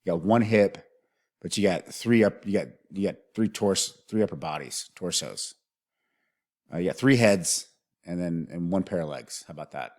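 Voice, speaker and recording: A man's voice: sits low, normal speed, darkish tone. A man hosting a music video reaction, thinking aloud in a rambling way and often restarting his sentences.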